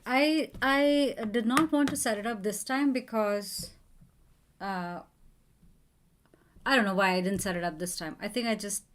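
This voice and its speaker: A woman live-streaming a coding session, thinking aloud and chatting with viewers as she works. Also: mid-range voice.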